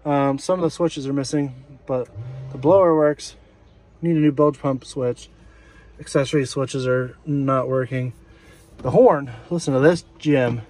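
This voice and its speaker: The voice is a warm, medium-pitched one with fairly even intonation and a measured pace. It belongs to an American man in his thirties casually touring a residential yard for his vlog in a folksy style, filmed handheld with noisy action-camera audio.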